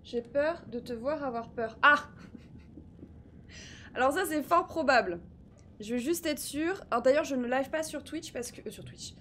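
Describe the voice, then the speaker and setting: A woman streamer talking to her live chat in a slightly high voice, chatty and excitable. She shifts quickly between muttering and bursts of loud energy. A faint noise hums behind her home setup.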